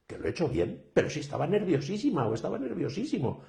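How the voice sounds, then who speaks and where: Man, speaking coach, lively storyteller, dark gravelly voice, video call. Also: fairly high pitch, fast talker. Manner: animated storyteller, acts out quoted students. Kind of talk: interview answers.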